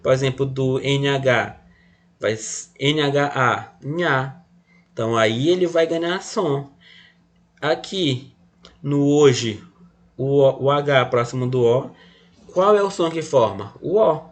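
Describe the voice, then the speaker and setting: A man teaching a phonetics lesson. He patiently asks questions and answers them himself, counts letters aloud and often checks in with a quick "tá?". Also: medium pitch.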